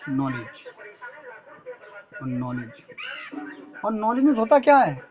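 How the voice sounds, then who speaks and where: Speaking slowly in a fairly high, sing-song voice with the highs cut off, a Hindi-accented male teacher gives an English lesson at a board. He spells words one letter at a time and quizzes himself, supplying the answers too.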